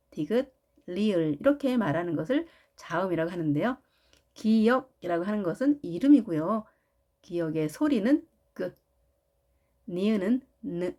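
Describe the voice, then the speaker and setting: A woman teaching an English grammar lesson, explaining slowly and patiently with frequent questions to the viewer. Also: mid-range voice, a little mellow. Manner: slow, patient, deliberate explanations.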